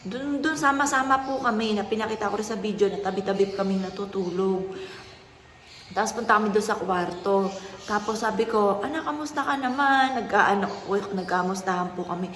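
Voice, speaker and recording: A woman, a mother telling a personal story in a soft, earnest, polite way. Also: medium pitch, fairly quick. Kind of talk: casual vlog talk. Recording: echoey room with faint noise.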